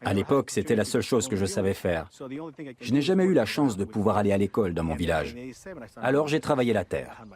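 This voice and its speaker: A man's voice: lowish voice, big pitch swings, fairly quick, darkish tone. A man in his forties giving an earnest, heartfelt personal testimony.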